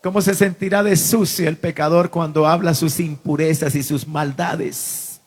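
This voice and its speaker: Male pastor, high voice, fervent sermon delivery that builds to shouting. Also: steady tone, normal speed, slightly rough. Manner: fervent preaching that swells to shouts. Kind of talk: impassioned sermon.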